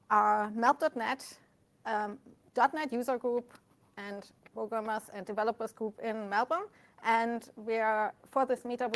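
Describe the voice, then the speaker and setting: A woman hosting a meetup, speaking informally in front of an audience as she welcomes people and makes announcements. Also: fairly high pitch. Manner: addressing an audience in a room. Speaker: meetup organizer and host. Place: meetup room with live audience and online stream.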